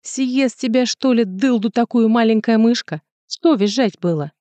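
A woman's voice: mid-range voice, lively intonation, normal speed, darkish tone, no room sound, close to an everyday voice. A woman putting on a grumpy little house spirit. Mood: scolding. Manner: gruff, scolding, sarcastic. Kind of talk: audiobook character voice.

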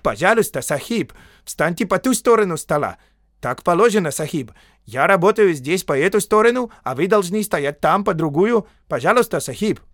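A man voicing a nervous, fussy middle-aged male clerk who pleads and frets in a high voice in an audiobook. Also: lively intonation, moderate pace, a bit bright, no echo, clean studio sound. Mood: fussy pleading. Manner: fussy, pleading, shrill when panicked. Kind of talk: audiobook character voice.

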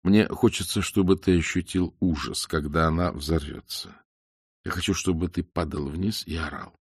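A man reading an audiobook, voicing a fearless male spy who threatens his enemy in a cool, measured way. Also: low voice, fairly even intonation, breathy edge, no room sound, clean studio sound. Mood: calm menace. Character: cold, unafraid male spy, taunting calmly.

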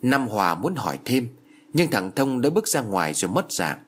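A man narrating a story in an expressive, lively reading style. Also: medium pitch, moderate pace, breathy edge.

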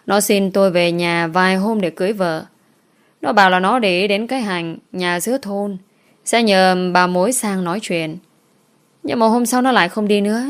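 A woman's voice: medium pitch, moderate pace, clear, resonant tone, natural voice. A woman voicing a lecherous old male landlord who talks bluntly and mockingly. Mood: scornful.

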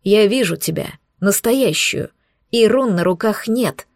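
Casting: woman reading angry, possessive young male demon, curt, slowish, dry recording. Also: mid-range voice, animated, darkish tone, no echo. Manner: hissing through teeth, curt.

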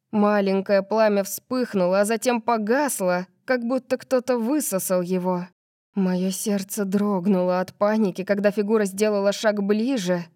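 Warm-voiced woman narrating a fantasy audiobook. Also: mid-range voice, no echo, studio quality.

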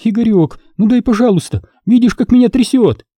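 A man playing a shrill, begging junkie girl. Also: a little fast, mellow, no room sound, clean studio sound. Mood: pleading. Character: desperate young junkie woman, pleading, crude.

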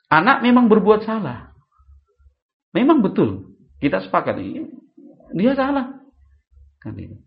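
A man's voice: high voice, measured pace, gravelly, pauses often, dull audio. A man giving a religious study lecture, talking animatedly and asking his listeners questions. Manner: lively, rhetorical questions to the audience. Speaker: Islamic preacher.

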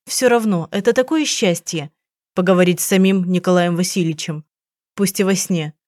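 A woman's voice: mid-range voice, fairly quick, darkish tone, dry recording, clean studio sound, close to an everyday voice. A woman reading an audiobook, voicing an eccentric, theatrical aunt who is a writer, in a plaintive, dramatic manner.

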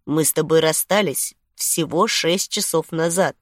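A woman's voice: sits low, measured pace, no echo, studio quality. A woman playing a smug, seductive man. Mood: teasing.

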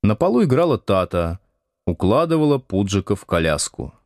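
A man reading a novel aloud as an audiobook narrator, expressive and voicing the dialogue. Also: fairly low pitch, moderate pace, no echo, clean studio sound. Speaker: audiobook reader. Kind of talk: scripted narration.

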